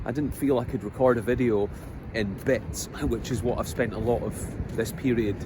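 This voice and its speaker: A middle-aged man with a Scottish accent, talking slowly and earnestly in a reflective personal monologue, pausing often with ums as he gathers his thoughts. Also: mid-range voice, fairly even intonation. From Scotland. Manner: hesitant, many pauses and ums, earnest. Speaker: vlogger. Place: outdoors on a coast. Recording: outdoor recording with background noise. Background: outdoor noise, passing vehicles.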